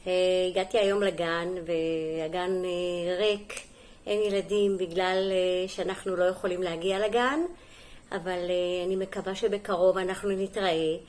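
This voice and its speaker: Her voice is lowish and steady, belonging to a middle-aged female kindergarten teacher reading a storybook to young kids. She reads gently in a sing-song manner and stops for little asides and questions.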